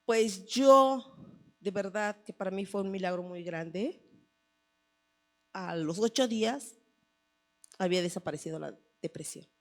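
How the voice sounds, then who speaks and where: A woman's voice: mid-range voice, takes it slowly, long pauses. A woman, mother of a son, giving a personal testimony at a church service in an earnest storytelling manner, often repeating her phrases. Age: adult, mother of a son.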